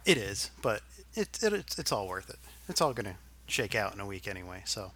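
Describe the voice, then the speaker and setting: A man's voice: fairly low pitch, big pitch swings, fairly quick, bright, forceful tone. A middle-aged man from Arkansas, a podcast co-host, telling a rambling, profane story in casual chat.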